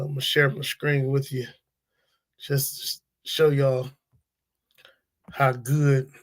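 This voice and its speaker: A man hosting a casual sports talk stream, blunt and opinionated, using slang and talking straight to his viewers. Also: medium pitch. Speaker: sports talk show host. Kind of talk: casual sports commentary livestream.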